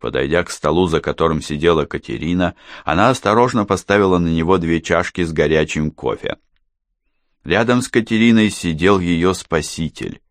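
A man narrating an audiobook in a steady, even storytelling voice. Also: deep voice, normal speed, no echo, studio quality.

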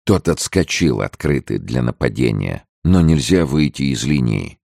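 A man narrating an adventure audiobook in a measured, steady storytelling manner, with a deep gravelly voice. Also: dry recording, clean studio sound.

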